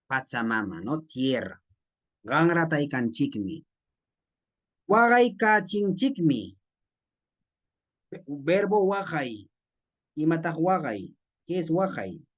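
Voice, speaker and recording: A man with a Peruvian Spanish accent teaching a class, explaining a text slowly and checking in with his students. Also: a little high, big pitch swings. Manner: slow, repetitive teacher talk with frequent tag questions.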